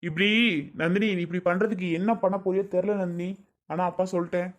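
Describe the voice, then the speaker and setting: A man's voice: high voice, little pitch movement, fast talker, natural voice. Man playing a reproachful old father-in-law. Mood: complaining. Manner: reproachful, lecturing. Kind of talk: amateur family drama skit.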